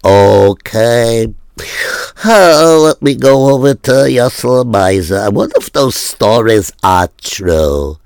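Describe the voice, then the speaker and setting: Debt-ridden shopkeeper, played by a man, slow, smooth, dry close sound. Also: medium pitch, animated, darkish tone, dry recording. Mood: uneasy.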